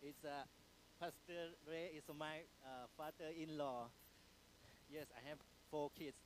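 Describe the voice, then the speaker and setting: Thai guy, english not his first language, slow and hesitant, slightly high voice. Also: steady tone, slight background noise, low-quality recording. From Thailand. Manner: hesitant, many fillers, apologetic. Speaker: church guest speaker. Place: church sanctuary.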